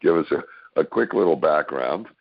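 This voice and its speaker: A man's voice: very deep voice, expressive, normal speed, vocal fry, slightly rough, dry recording. A man hosting an interview over a call, joking and playful as he sets things up. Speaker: interviewer, host. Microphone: phone on a conference call. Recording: muffled conference call line.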